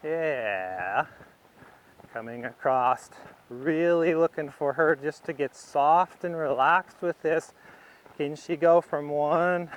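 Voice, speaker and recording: On a poor-quality recording, a man with a smooth, somewhat high voice walks through a riding demonstration as the instructor. He moves very slowly, laying out one step at a time in brief phrases, as though thinking aloud.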